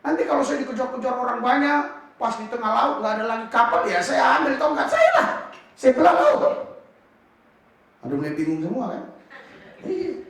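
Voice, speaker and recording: High-voiced preaching man in echoey hall. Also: fast talker. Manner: lively storytelling with bursts of shouting and laughter. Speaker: pastor. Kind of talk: sermon. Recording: roomy echo from far off the mic.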